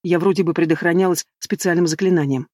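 A man's voice: on the high side, fairly even intonation, fast, a little mellow, dry recording, studio quality, close to an everyday voice. A man reading an audiobook voicing a distraught young woman mage in tears, speaking emotionally. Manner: emotional, pleading.

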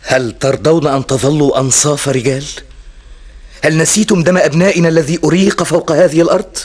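A man's voice: fairly high pitch, fairly even intonation, quick pace, darkish tone, slightly rough. An actor playing a proud young warrior king rallying his commanders in a solemn classical Arabic radio drama. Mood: defiant. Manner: solemn, declamatory, defiant.

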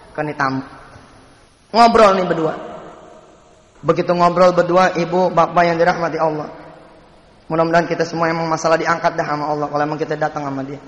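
A male preacher with a Jakarta Betawi accent telling a story in a sermon, animated, swinging between high exclamations and soft asides. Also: lo-fi sound. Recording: echoey hall reverb.

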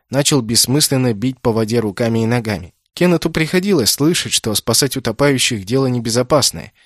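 A man reading a novel aloud as an audiobook narrator, telling the story in an even, measured way. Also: mid-range voice, no echo, studio quality. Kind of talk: scripted narration.

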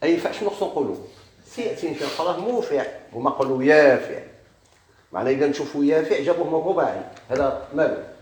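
A man with a Moroccan Arabic accent teaching a classroom grammar lesson. He keeps quizzing his students and slowly draws out each example word. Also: a little high, expressive, a little mellow, roomy sound, a little hiss or hum.

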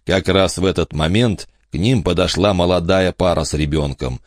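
A man narrating a storybook in an expressive reading style, voicing many characters. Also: sits low, normal speed, no room sound, clean studio sound. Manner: expressive reader doing many voices. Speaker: audiobook narrator.

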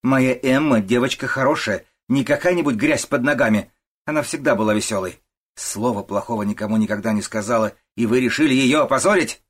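A man with a husky voice voicing a harsh, scolding old working-class mother in an audiobook, shouting and contemptuous. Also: medium pitch, brisk, voice pushed up, natural voice. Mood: furious. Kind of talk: audiobook character voice.

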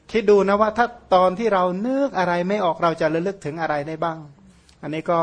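Higher-voiced monk giving a relaxed Dhamma talk. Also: male voice. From Surin, northeastern Thailand. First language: Khmer. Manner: gentle, chuckling, conversational. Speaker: Buddhist monk.

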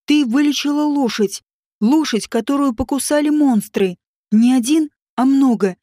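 A scornful spoiled young princess from an audiobook, as a woman reader puts her on. The voice sits a little high and warm, and each demand is haughty. The recording is dry and close. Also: moderate pace, no echo, natural voice. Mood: accusing.

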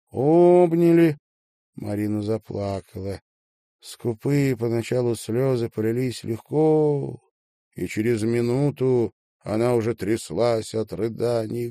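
A male audiobook narrator with a mid-range voice and an unhurried, deliberate delivery. The recording is dry and close, with no room sound. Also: mid-range voice, mellow, dry recording. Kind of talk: audiobook reading.

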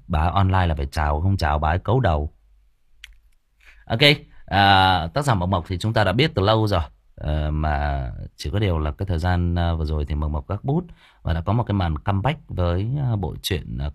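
Deep-voiced male horror storyteller. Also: normal speed, no room sound, studio quality. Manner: chatty, greets viewers, many fillers. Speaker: storyteller and livestream host. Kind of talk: live-streamed horror story reading.

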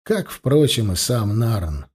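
A man narrating a fantasy audiobook in a measured, dramatic reading. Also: mid-range voice, big pitch swings, a little mellow, breathy edge.

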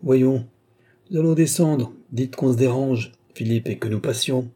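A man reading an audiobook, voicing a haughty, scornful old baron who blusters loudly. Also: medium pitch, measured pace, close to an everyday voice.

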